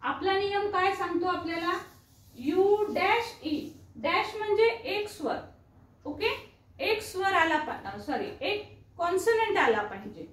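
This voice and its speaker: Female teacher with a Marathi accent, patient and repetitive; high voice, recorded in an echoey room from a distance. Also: lively intonation, fairly bright tone. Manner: patient, spells words out slowly and repeats them. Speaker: English teacher. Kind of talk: explaining lesson to students. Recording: echoey room, voice a bit far from the mic.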